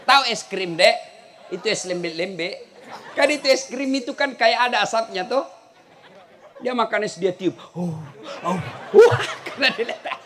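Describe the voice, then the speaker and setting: A man delivers a humorous sermon, telling funny stories and now and then bursting out loudly. His voice swings widely in pitch. An audience laughs faintly in the background. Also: animated, normal speed, crowd noise, noisy background. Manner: storytelling with jokes, sudden loud outbursts. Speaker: Islamic preacher.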